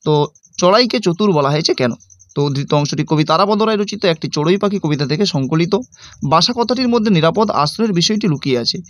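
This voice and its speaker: A brisk male teacher with a Bengali accent from West Bengal reads out exam questions and then explains each answer directly to his students. His voice sits a little high for a man and moves at a fast clip. The sound is close and dry, with no room around it. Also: lively intonation, fairly bright tone, no room sound. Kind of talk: exam-prep lesson.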